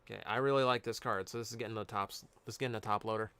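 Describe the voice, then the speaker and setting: A man's voice: fairly low pitch, fairly even intonation, very fast, sharp tone, clear, resonant tone. Chatty man opening card packs. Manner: chatty, reads out cards, answers chat. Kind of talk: casual live-stream chat.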